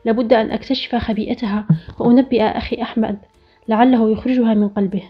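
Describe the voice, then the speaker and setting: Quick, bright-toned woman storyteller. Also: a little high, husky. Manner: steady first-person storytelling read. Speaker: narrator. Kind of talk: scripted story narration. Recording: dull lo-fi recording with faint music.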